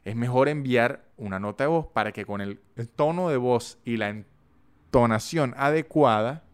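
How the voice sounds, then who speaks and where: A man with a Venezuelan Andean accent, hosting a podcast in a casual, animated monologue full of acted-out examples. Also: medium pitch, moderate pace, clear, resonant tone. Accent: Venezuelan Andean (gocho). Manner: animated, chatty storytelling with acted-out voice notes. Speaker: podcast host.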